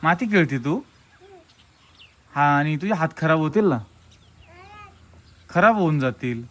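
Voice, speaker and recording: A woman's voice: deep voice, expressive, unhurried. A young woman talking to her baby daughter in coaxing baby talk, repeating short phrases in a sing-song way.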